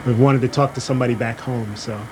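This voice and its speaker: A man's voice: medium pitch, steady tone, quick pace, crowd noise. A man who is a radio amateur, talking casually in an interview in a rambling, chuckling way. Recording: noisy recording with vehicle sounds.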